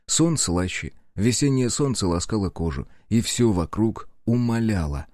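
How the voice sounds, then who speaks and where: A man narrates a scripted audiobook in a measured, even storytelling manner. His voice is lowish, and the recording is dry with clean studio sound.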